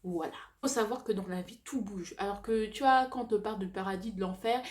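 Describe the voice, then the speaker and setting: A young woman vlogger with a lisp and slushy s sounds, chatting casually and confessionally to viewers, halting and correcting herself, dropping in slang and bits of English. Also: mid-range voice, a little mellow.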